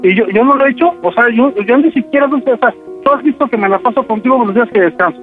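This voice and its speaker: A man's voice: extremely high pitch, expressive, fast, soft background music. A man on a prank phone call, defensively stammering and repeating himself as he denies cheating. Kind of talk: phone argument.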